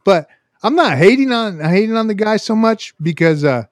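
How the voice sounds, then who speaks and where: A man's voice: sits high, lively intonation, moderate pace, dry recording. A man co-hosting a podcast, chatting casually in crude slang with frequent swearing. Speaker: podcast co-host.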